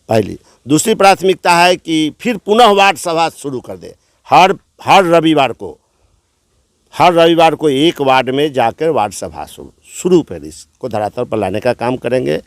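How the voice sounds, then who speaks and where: Male local candidate, mid-pitched, eager and agreeable, dry close sound. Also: no echo. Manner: eager, assenting, lists plans. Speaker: village council candidate. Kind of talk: interview answers.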